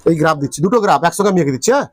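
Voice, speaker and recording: Guy teaching physics in class, highish voice, keeps asking students if they get it. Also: expressive, racing. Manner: drills students with repeated questions, checks understanding often. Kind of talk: classroom lecture.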